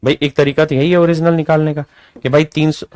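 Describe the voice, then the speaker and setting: A man, middle-aged, teaching a math lesson with a somewhat high voice. He talks to his students in a folksy, coaxing way and keeps checking that they follow. The sound is dry and close. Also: fairly even intonation, quick pace, a little mellow, no room sound. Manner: folksy, addresses students as his dear children; asks frequent check questions.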